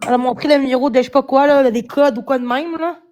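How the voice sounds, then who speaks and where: A woman's voice: high-pitched, fairly even intonation, quick pace, darkish tone, lo-fi sound, slight background noise. A young woman with a Quebec French accent, ranting defensively on a livestream and stumbling over repeated words. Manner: agitated, defensive, stammering repeats. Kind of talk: upset livestream rant.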